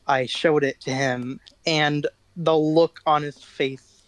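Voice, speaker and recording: A man's voice: a little high, fairly even intonation, slow, fairly bright tone, no room sound. A teenage boy, guest musician in an interview, telling rambling self-deprecating stories in casual chat. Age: teens.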